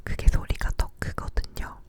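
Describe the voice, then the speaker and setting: A young woman who makes ASMR videos whispers casually about daily life from her living room, leaning very close to the microphone. Her murmuring is soft and unhurried, and the mic sits near her mouth with ear-to-ear sound.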